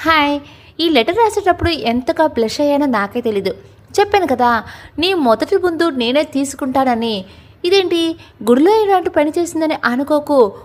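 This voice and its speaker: A woman's voice: sits high, animated, moderate pace. A woman reading out a love letter as a playful young woman, a secret admirer who teases the man she loves. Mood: teasing. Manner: playful, teasing.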